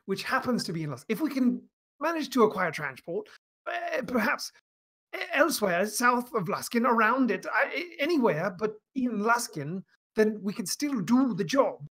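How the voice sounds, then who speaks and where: A woman's voice: fairly high pitch, big pitch swings, fairly bright tone, breathy edge, pitched above the performer's own voice, full character voice. Woman playing a stammering, fussy elf adventurer. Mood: defensive. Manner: halting, stammering, formal wording.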